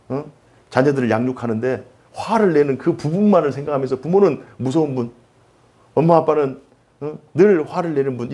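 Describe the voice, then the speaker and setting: A male pastor preaching a sermon, animated and full of rhetorical questions. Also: medium pitch, slightly rough.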